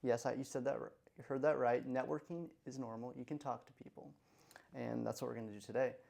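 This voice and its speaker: A man in his twenties co-hosting a podcast, calm and reserved, speaking in a monotone. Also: mid-range voice, fast talker, gravelly. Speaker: podcast co-host. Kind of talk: casual podcast chat.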